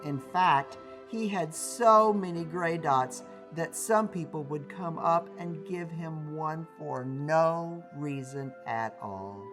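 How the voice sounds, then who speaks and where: A man reading a children's story aloud in a deliberate, emphatic manner with dramatic pauses. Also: a little high. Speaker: storybook reader. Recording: music behind the voice. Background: music.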